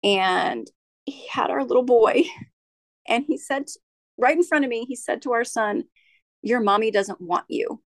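Gravelly-voiced woman recounting her marriage. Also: fairly high pitch, lively intonation, dry recording. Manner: halting, with frequent restarts and ums. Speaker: podcast guest. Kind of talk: candid interview storytelling.

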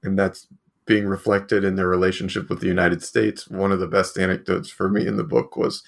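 A man interviewing an author about his book, talking haltingly with many fillers and restarts. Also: low-pitched, level tone, gravelly.

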